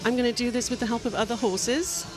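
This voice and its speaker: A woman's voice: fairly high pitch, fairly even intonation, fast, over music, low-quality recording. A Welsh woman in her forties, a journalist guest chatting casually in an interview, wry and jokey with filler ums. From Wales. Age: 40s.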